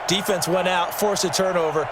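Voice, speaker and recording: Guy playing american color commentator in a football game, bit high pitched, emphatic explainer, super loud crowd noise. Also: fairly even intonation, moderate pace, natural voice. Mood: earnest, emphatic. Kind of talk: analytical sports commentary in a video game. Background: loud stadium crowd.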